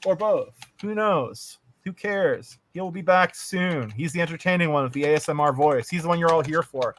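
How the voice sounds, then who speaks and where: High-voiced crude joking man. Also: moderate pace. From Quebec. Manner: crude, joking, bilingual banter. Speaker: stream host. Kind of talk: casual live-stream chat.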